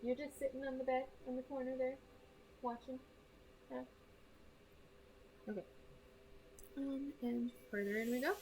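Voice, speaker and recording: A woman's voice: sits high, little pitch movement, unhurried, long pauses, noisy background. A young woman hosting a casual let's-play from home, chatting and reading in-game text aloud with lots of ums. She has the hiccups. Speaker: gaming channel host. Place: home room.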